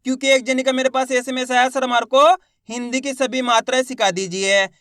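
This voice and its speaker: A man teaching a beginner lesson on letters, speaking slowly and patiently, addressing listeners as friends and repeating each syllable, often drawing it out. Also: very high voice, flat delivery, fairly bright tone, no room sound, studio quality.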